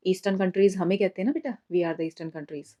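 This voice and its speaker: A woman's voice: on the low side, fairly quick, dark tone. A woman teacher giving an exam summary lesson in mixed Hindi and English, patiently explaining and calling her students "beta". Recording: slightly dull lo-fi recording.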